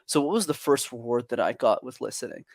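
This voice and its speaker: An extroverted young man from Canada talks as a podcast guest. He tells stories with eager, animated energy in casual chat. His voice sits mid-pitched and sounds dry and close. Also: fast talker, gravelly, no room sound.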